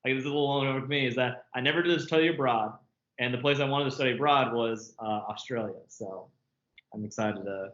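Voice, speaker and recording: A man's voice: mid-range voice, fast talker, fairly bright tone. A man of about thirty, an interview guest in casual chat, talking with lots of filler words and frequent laughs over a remote call. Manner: chatty, laughs often, many filler words. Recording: echoey, muffled call audio.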